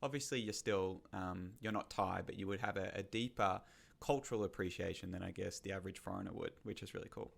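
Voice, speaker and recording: A man hosting a podcast interview, encouraging and quick to affirm his guest. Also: deep voice, creaky. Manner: encouraging, frequent "mm" backchannels. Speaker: podcast host.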